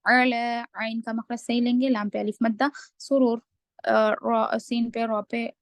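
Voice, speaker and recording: Woman, recitation teacher, fairly high voice, slow deliberate explanations, drawn-out recited words, dry close sound. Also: flat delivery, dry recording. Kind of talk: online tajweed class.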